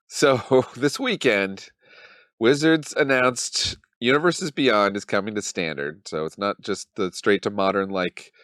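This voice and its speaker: A man in his thirties hosts a casual commentary channel while he has a cold, thinking aloud in a wry, loose, mock-dramatic way with many ums. His voice is deep and a bit bright, captured in a dry, studio-quality recording.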